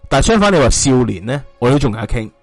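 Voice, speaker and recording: A man's voice: medium pitch, very animated, very fast, darkish tone, no echo. A man with a Hong Kong Cantonese accent hosting a casual true-crime discussion, speculating colloquially and throwing out rhetorical questions. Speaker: podcast host.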